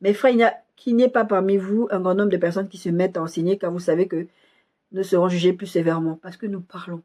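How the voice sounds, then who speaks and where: A woman telling a personal testimony in a sermon, speaking softly and acting out the people in her story. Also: fairly low pitch, steady tone, fast. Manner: soft-spoken, storytelling with quoted dialogue. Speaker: preacher.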